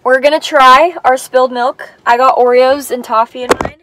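A young woman hosting a casual vlog, bubbly and excitable and quick to laugh. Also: high-pitched, noisy background. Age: young adult. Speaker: vlogger host.

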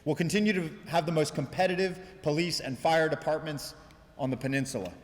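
A man delivering a prepared mayoral speech at a ceremony, in deliberate, emphatic oratory with measured pauses. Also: on the high side. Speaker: mayor giving an inaugural speech. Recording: reverberant hall, long echo.

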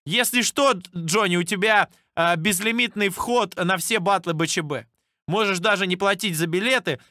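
A man casually commentating on a livestream as a streamer, halting and swearing often, with a teasing streak. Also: sits high, pushed and bright, no room sound, clean studio sound. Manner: halting, profanity-laced, teasing. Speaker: streamer reacting to rap battles. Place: indoor room at a streaming desk.

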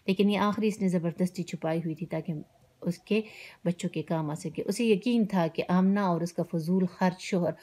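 A woman teacher with a Pakistani Urdu accent and a low, warm voice reads a story aloud. She stops often to explain words with simple synonyms and keeps checking whether her students follow. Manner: keeps asking "ٹھیک ہے نا".

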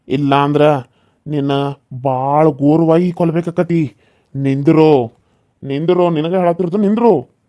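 A man voicing a menacing young village villain in a cartoon serial, loud and threatening. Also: on the high side, no room sound, highs cut off.

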